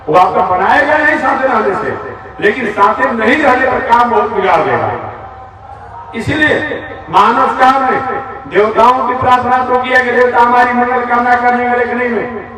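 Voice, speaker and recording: A man preaches to a large crowd in a high, carrying voice. He slowly chants Sanskrit verses and then explains them plainly. His voice reaches the listener from a distance, heavy with echo from the loudspeakers. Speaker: religious preacher. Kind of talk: devotional sermon. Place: large outdoor religious gathering. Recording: echoey public-address sound from far off.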